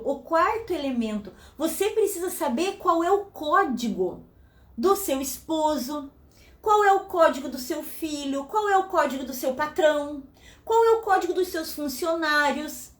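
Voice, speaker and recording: Animated woman in an echoey room. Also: sits high. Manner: talks fast and loud, very animated. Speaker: host. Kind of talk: motivational talk to women.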